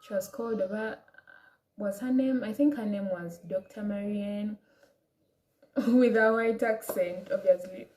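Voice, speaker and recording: A woman's voice: mid-range voice, fairly even intonation, measured pace, a little mellow, roomy sound, rough recording. A young woman with an African accent telling a personal story in a casual vlog, chatty, with many restarts and quoted asides. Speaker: vlogger.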